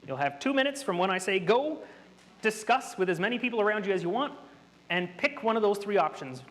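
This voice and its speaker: A man with a high-sitting voice and lively intonation speaks briskly, his tone fairly bright. He's presenting an interactive workshop to a hall of participants, explaining things in a chatty, nerdy way. The recording carries the reverb of the hall.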